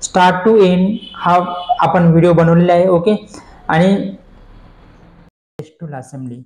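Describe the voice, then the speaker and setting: Man teaching software step by step. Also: high voice, slow, low-quality recording. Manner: explains step by step, mixing English terms, repeats questions and answers them. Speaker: software tutor. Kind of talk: screen-recorded software tutorial.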